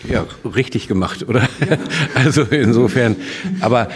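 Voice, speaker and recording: A man's voice: mid-range voice, unhurried, a crowd in the background. A man co-hosting a podcast who talks in a thoughtful, rambling way with many hesitations. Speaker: podcast co-host. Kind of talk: casual interview chat. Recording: roomy recording.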